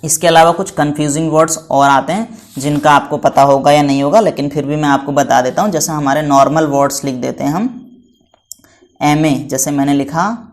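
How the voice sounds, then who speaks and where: A man's voice: fairly high pitch, steady tone, fairly quick. A man teaching English to children in a patient classroom style, asking questions and answering them himself and spelling words out letter by letter. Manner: calls students "beta" affectionately.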